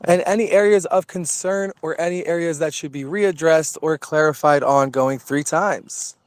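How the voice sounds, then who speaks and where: A man's voice: on the high side, moderate pace, clean tone, no room sound. A man hosting a casual community voice chat, upbeat and rallying his listeners. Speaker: crypto community host.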